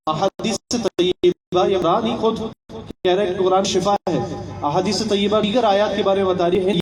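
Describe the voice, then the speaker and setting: A young man giving a religious training talk, asking rhetorical questions, repeating phrases and mixing in English words. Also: high voice. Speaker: religious instructor. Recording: echoey hall, voice from far off.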